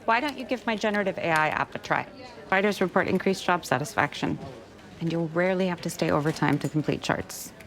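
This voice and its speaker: Deep-voiced, composed woman doctor. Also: fast, a bit bright. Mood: composed, persuasive. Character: composed female attending doctor promoting new technology. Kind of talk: naturalistic TV medical drama acting.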